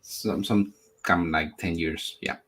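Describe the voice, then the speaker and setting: Here a low, bright voice with a steady tone and a breathy edge belongs to a man in his forties who came from Spain and grew up in the US. He's a comic book creator giving conversational answers as an interview guest. His speech halts, with words repeated while he hunts for how to say things.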